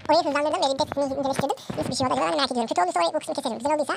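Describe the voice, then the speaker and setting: A woman chatting casually to viewers while playing a football game, her voice sped up in editing into a high chipmunk voice. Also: very fast, vocal fry, background noise. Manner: chatty, giggly, rambling asides. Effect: sped-up, high-pitched chipmunk voice from video editing. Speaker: gaming video creator.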